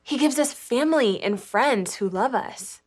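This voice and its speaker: A woman hosting a scripted children's church lesson, upbeat and clear as she speaks to kids. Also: a little high, lively intonation, a little slow.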